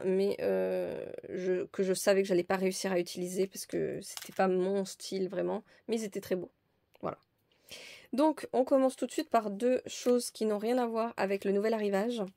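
A woman's voice: mid-range voice, creaky, warm tone, no room sound. A woman presenting a crafting haul in a casual, hesitant, chatty way with many fillers. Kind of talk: casual show-and-tell haul.

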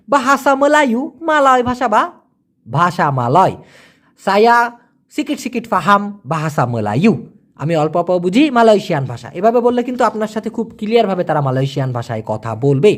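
A language teacher, giving a casual spoken lesson and repeating example phrases slowly, word by word. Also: medium pitch.

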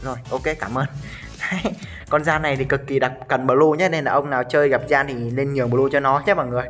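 A man giving live commentary over his own mobile game match, talking excitedly to viewers and firing off rapid repeated callouts. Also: medium pitch, soft background music. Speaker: gaming streamer.

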